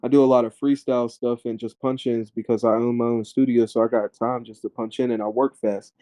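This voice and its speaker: A man, a rapper being interviewed, telling his story in animated casual talk, full of filler words. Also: mid-range voice, fairly quick, dry recording.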